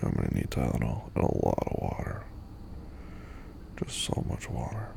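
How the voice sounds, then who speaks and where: A man in an intimate audio roleplay, sleepy and hungover, murmuring and whispering softly as if half asleep. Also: very deep voice, huge pitch swings, normal speed, creaky.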